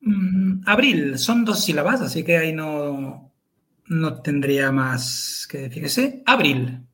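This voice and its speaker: A man's voice: fairly high pitch, slow pace, a bit bright. A man, co-hosting a podcast chat and explaining pronunciation carefully, syllable by syllable. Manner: careful and methodical, spells out syllables.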